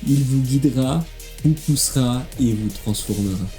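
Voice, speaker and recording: French guy narrating a fitness vlog, really dark mellow voice, upbeat and direct, faint music under it. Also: mid-range voice, normal speed. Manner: upbeat, direct, speaks to viewer. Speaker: fitness coach. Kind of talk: motivational voice-over vlog.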